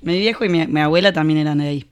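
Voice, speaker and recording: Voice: mid-range voice, racing, smooth, no echo. A host from Buenos Aires with a Rioplatense accent, running a casual chat, joking and greeting viewers. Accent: Rioplatense Spanish. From Buenos Aires, Argentina.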